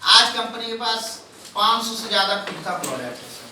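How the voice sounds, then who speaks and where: A man's voice: high voice, animated, normal speed, background noise. A man presenting a sales seminar to an audience. He calls his listeners "sir" again and again and keeps asking them questions. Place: large echoing room with an audience. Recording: very echoey room, voice far from the mic.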